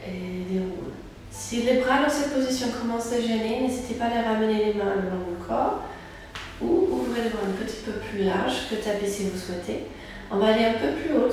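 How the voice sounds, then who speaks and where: A woman's voice: fairly high pitch, recorded from a distance, a little hiss or hum. Woman cueing Pilates in an echoey studio. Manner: calm step-by-step cueing of breath and movement. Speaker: Pilates instructor. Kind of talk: guided exercise class. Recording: very echoey room, voice from afar.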